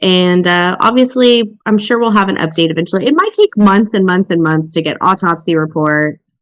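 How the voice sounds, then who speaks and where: A woman hosting a casual true crime podcast chat, blunt and quick to swear. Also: on the low side, expressive, dry recording, lo-fi sound. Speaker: podcast host.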